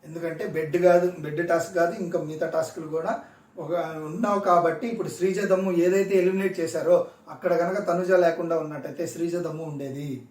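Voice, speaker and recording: A man's voice: on the high side, fairly even intonation, fairly quick, a little mellow, recorded from a distance. A man reviewing a reality show in casual recap commentary, emphatic and repeating his points for stress. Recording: echoey room, voice off-mic.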